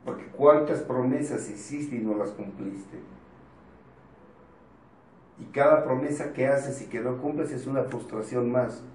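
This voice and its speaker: This man speaks with a Mexican Spanish accent, unhurried and leaving long pauses, in a mid-range, darkish voice. He's delivering an informal, jokey motivational talk to a support group, being blunt and swearing offhandedly. The mic is distant, the room audible, and there's a little background noise.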